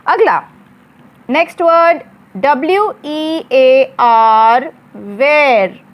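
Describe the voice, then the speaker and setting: Slow, high-voiced woman teaching. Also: lo-fi sound. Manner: spells words letter by letter and repeats them. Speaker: English teacher. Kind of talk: slow explanatory lesson.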